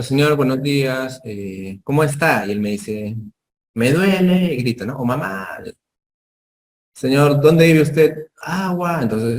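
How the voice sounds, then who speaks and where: A man's voice: mid-range voice, a little mellow. A man teaching a medical lesson, explaining step by step, ending phrases with tag questions and acting out short exchanges with patients. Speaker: medical lecturer.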